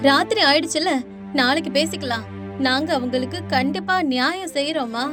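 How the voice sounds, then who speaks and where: A woman's voice: sits high, normal speed, music in the background, close to an everyday voice. A woman voicing an anxious middle-aged mother who placates and soothes in a cartoon dub. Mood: placating.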